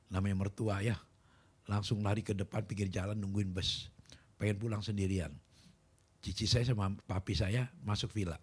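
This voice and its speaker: A middle-aged man preaching a sermon, telling a personal story with acted-out quoted voices and rising to loud, emphatic calls to the congregation. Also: fairly low pitch, husky. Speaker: pastor.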